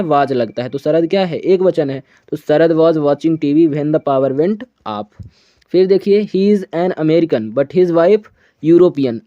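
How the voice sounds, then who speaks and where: A man teaching a grammar lesson in a mellow, slightly high voice. He keeps posing questions and answering them himself, and reads each example sentence slowly. The recording is dry and a little dull and lo-fi. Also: no echo.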